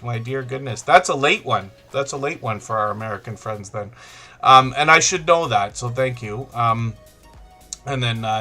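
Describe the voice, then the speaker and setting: A middle-aged man hosts a live stream in a casual, rambling way, greeting viewers one by one. His voice is bright and forward. Soft music plays faintly behind him. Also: mid-range voice. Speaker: livestream host.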